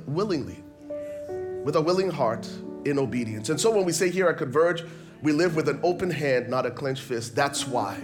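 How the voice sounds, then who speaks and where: A man from Liberia, preaching a sermon as pastor, emphatic and rhythmic, often repeating phrases. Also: a little high.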